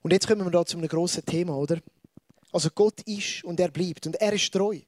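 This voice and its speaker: A Swiss man with a Swiss German accent preaches in an easy, conversational way, often speaking straight to the listeners. His voice sits high for a man. The sound is dry and close. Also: a little fast, dry recording. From Switzerland. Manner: lively, conversational preaching with asides to the audience. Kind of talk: sermon.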